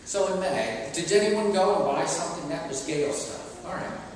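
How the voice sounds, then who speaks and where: A man's voice: a little high, expressive, normal speed, crowd noise. An older man, a priest giving a homily at a pulpit, talking conversationally with fillers and restarts. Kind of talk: sermon. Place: large church. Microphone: stand mic at a pulpit. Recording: echoey church from a distant camera.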